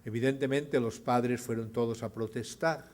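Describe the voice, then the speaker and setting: An older man giving a storytelling speech, acting out the dialogue of his tales with a raised, louder voice. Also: medium pitch, steady tone, normal speed. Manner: dramatizes dialogue with rising, louder voice. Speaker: speaker at an award ceremony.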